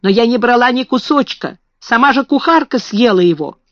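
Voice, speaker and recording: A woman's voice: fairly high pitch, lively intonation, moderate pace, dry recording, pitched above the performer's own voice, close to an everyday voice. A woman voicing a poor, downtrodden servant girl who speaks in despair, on a dull recording. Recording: dull, slightly muffled recording.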